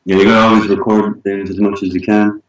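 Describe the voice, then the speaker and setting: A man chatting casually over a call, laid-back and halting, often using fillers. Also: lowish voice, little pitch movement. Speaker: co-host prankster. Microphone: webcam mic with speakers. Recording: roomy far-off webcam mic with echo.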